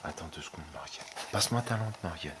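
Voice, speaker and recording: A man with a very deep voice talks his way through an abandoned garage in a deadpan, mock-serious tone. He keeps repeating the same stock phrase. The camera mic picks up a loud, constant background noise. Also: quick pace. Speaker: co-host of a parody urban-exploring show. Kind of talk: mock-serious exploration commentary.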